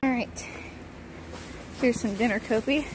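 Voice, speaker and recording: A teenage girl vlogs her chores at a horse barn, filming on a phone camera and narrating casually with lots of fillers. Her voice is a little high and her pace measured as she chats and rambles. Background noise comes through.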